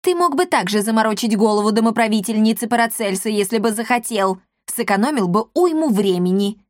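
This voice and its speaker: A woman's voice: expressive, fairly quick, no echo, studio quality, natural voice. A woman voicing a spiteful, boastful young witch who mocks and shrieks at her foes, in a storybook reading. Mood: scornful. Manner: mocking, shrill cries.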